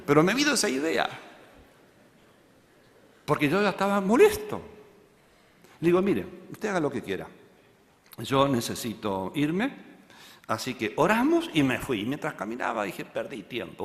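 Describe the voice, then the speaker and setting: A pastor, preaching a sermon and telling a story that he acts out, moving from loud passages to hushed ones. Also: medium pitch, gravelly, long reverb tail.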